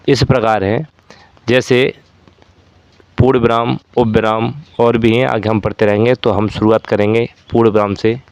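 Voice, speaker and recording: A man's voice: on the low side, a little mellow, clear, resonant tone, dry recording. A man teaching a Hindi grammar lesson for exam preparation, explaining step by step with repeated examples.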